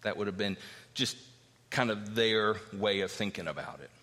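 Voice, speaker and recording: A man preaching in a church hall, his bright, forceful voice carrying a long reverb tail. He reads scripture passages and then unpacks them, climbing in pitch when he drives a point home. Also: normal speed. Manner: expository preaching, reads scripture aloud, rises in pitch for emphasis. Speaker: pastor. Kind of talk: sermon.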